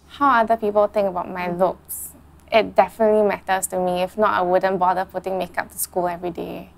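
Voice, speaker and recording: Young woman with a flat, gravelly voice. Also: medium pitch, a little fast. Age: young adult. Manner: candid, conversational. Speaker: interviewee. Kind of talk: casual interview answers. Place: studio set with photo wall.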